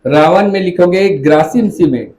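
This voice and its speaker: A man's voice: high-pitched, moderate pace, mellow, low-quality recording. A man teaching a classroom lecture, repeating memory tricks and calling students "beta".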